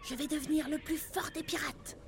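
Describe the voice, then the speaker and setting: A woman's voice: high-pitched, steady tone, moderate pace, over music, voice pushed up, close to an everyday voice. A woman doing a cocky young pirate boy. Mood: confident. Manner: cheerful, self-assured. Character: bold young male pirate, cheeky and confident. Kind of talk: storybook reading.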